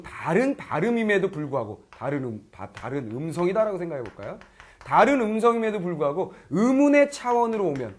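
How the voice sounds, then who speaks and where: Give me a middle-aged male grammar teacher with a lively, bouncing delivery. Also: high-pitched. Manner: lively, keeps checking students understand; acts out foreign learners' lines in quoted voices. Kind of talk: online lecture.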